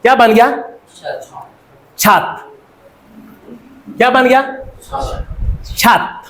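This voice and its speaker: A man's voice: sits high, lively intonation, moderate pace. A Pakistani man teaching a classroom lecture, quizzing students and repeating their answers. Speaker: Korean language teacher.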